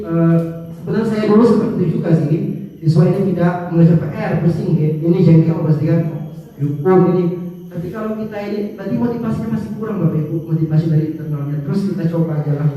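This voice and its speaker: A man's voice: fairly high pitch, fast. A male schoolteacher giving a conversational workshop talk to fellow teachers, addressing them directly and using frequent filler sounds. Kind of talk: workshop presentation. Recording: very echoey hall, mic far off, dull sound.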